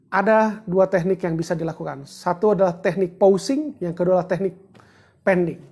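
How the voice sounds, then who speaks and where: A woman's voice: lowish voice, brisk, warm tone, breathy edge. A woman giving a chatty, joking livestreamed teaching talk, greeting viewers and walking them through steps. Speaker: book discussion presenter.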